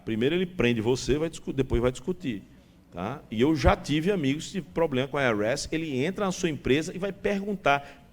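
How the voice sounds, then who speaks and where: A man giving a talk to an audience, animated and chatty, addressing his listeners over and over. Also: on the high side. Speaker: business speaker.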